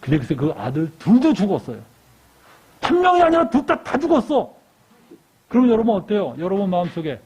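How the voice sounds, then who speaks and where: A man preaching a sermon in a church, telling a story with lively questions to the congregation. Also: high-pitched, fairly quick, slightly rough. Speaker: lay preacher. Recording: dull lo-fi church recording.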